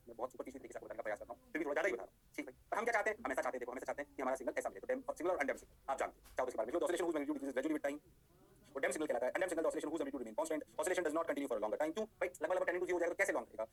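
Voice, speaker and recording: A man teaching an energetic exam-prep lecture. He keeps checking whether students understood, mixes English technical phrases into his speech, and playfully mimics students' eager replies. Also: a little high.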